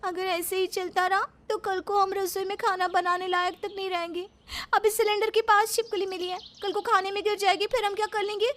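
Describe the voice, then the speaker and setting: A woman's voice: extremely high pitch, flat delivery, a little fast, fairly bright tone. A woman voicing a young daughter-in-law who complains and pleads about the old kitchen. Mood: complaining.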